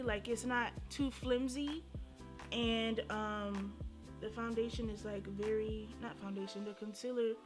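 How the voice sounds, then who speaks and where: A young woman speaking with a slight lisp from wearing a retainer, chatting casually in a sassy, playful, slangy way as a beauty vlogger reviewing makeup. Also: a little high. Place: indoors at home. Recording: music playing behind the voice.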